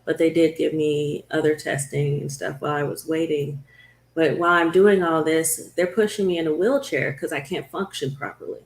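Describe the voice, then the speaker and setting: A woman's voice: sits low, steady tone, roomy sound. A woman talk show host telling the story of her own illness in an earnest, conversational way. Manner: earnest, storytelling, slows down at hard moments.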